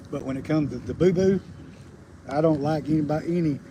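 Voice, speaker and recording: A homesteading livestream host and logger in his fifties, speaking with a Southern US accent in a voice on the high side, rambles in a folksy, halting manner. He's outdoors on a rural roadside, and birds and countryside ambience fill the background.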